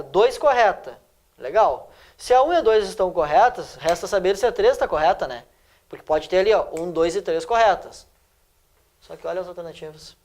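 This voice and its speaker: Lively man teaching an exam class. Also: high-pitched. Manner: lively, checks in with "tá?" and "perfeito?". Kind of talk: exam-prep lesson.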